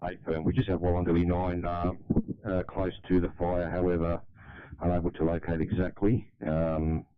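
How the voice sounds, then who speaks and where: A man's voice: sits low, monotone, moderate pace, clean tone, no room sound. A man working as a fire control operator, making brief procedural calls over two-way radio. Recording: tinny, narrow two-way radio.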